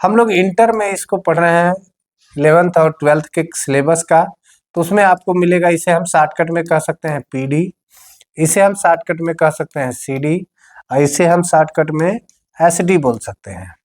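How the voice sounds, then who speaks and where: A man with a high voice teaches a grammar lesson for exam students. He explains patiently and repeats key words. He speaks straight to his class. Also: normal speed.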